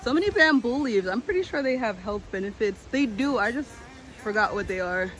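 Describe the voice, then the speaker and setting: A woman's voice: fairly high pitch, lively intonation, brisk, a bit bright, faint music behind. A woman hosting a casual vlog outdoors, chattily talking straight to her viewers. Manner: chatty, addresses viewers as guys. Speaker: vlog host. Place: outdoors by a river.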